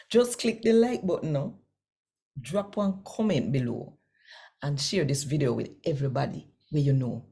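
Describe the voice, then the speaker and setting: Reading scripture as host, a woman with a Jamaican accent speaks conversationally, deliberately and directly to her listeners. Her voice is low-pitched, creaky and dark, with a breathy edge.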